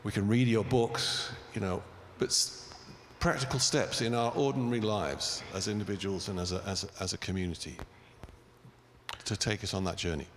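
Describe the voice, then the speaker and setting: A man's voice: on the low side, normal speed. A man in the audience thoughtfully asking a question after a church lecture, searching for words. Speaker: audience member. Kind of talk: question from the floor. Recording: echoey church, faint noise.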